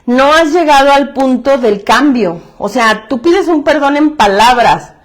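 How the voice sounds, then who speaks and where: A woman's voice: high voice, animated, a little slow. Blunt, slangy Mexican woman speaker. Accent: Mexican Spanish. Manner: blunt, slangy and emphatic, swears freely; repeats phrases for emphasis. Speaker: self-help group speaker. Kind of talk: candid testimony talk.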